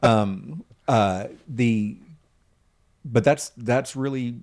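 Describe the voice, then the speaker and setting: A man talks in a relaxed, earnest way as a podcast guest. His voice sits a little low. He rambles, with lots of "um" and "you know" between his thoughts. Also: normal speed. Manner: earnest, rambling with many fillers. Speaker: guest, nonprofit founder. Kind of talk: casual conversation.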